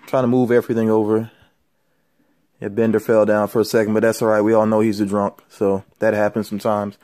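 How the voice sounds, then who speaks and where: A man's voice: mid-range voice, a little mellow. A man who vlogs about collectibles, talking casually as he shows things to viewers. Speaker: toy collecting vlogger. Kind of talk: casual show-and-tell chat. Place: indoor room with shelves of figures.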